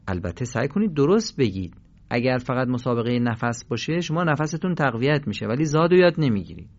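A man teaching the pronunciation of Arabic letters for prayer and Quran recitation, with slow, drawn-out syllable drills between plain explanations. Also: medium pitch. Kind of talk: recorded pronunciation lesson. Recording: dull lo-fi recording.

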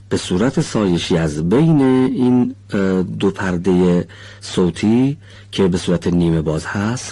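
A man teaching pronunciation in a studio lesson, polite and formal, patiently explaining and slowly stretching out syllables as he demonstrates. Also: low voice, a little mellow, slightly rough. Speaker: Quran recitation teacher.

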